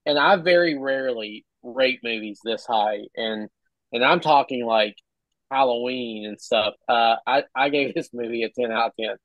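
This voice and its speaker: A man's voice: mid-range voice, moderate pace, dry recording, lo-fi sound. A man on a casual movie podcast, hesitant with many ums and restarts, joking as he gives his take. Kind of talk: casual chat.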